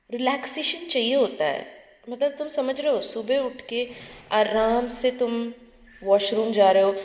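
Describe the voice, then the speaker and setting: A young woman from India telling her story in a casual, chatty vlog, lively and often laughing. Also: medium pitch, slight background noise. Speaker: student vlogger. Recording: echoey room with long reverb.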